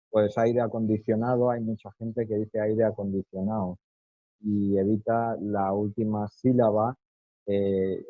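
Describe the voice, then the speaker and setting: A man from Spain with a neutral Castilian accent, speaking as a guest in a relaxed interview, thoughtful and hesitant with many fillers. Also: on the low side, no echo, phone-quality sound. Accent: neutral Castilian Spanish.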